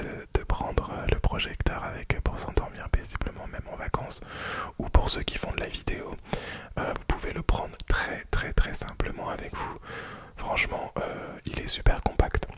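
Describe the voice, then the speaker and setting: A man whispers softly and quietly, as if at night, presenting a product in an informal, hesitant ASMR unboxing style. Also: moderate pace.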